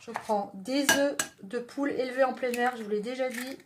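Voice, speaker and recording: Woman, higher voice, chatty joking cooking host, pans clinking in a home kitchen. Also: moderate pace, heavy background noise. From southwest France. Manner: chatty, joking, talks while stirring.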